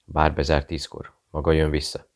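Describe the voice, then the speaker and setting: A man's voice: extremely low pitch, completely flat delivery. A man reading a nervous, secretive Serbian barkeeper who speaks in clipped, broken phrases. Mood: fearful.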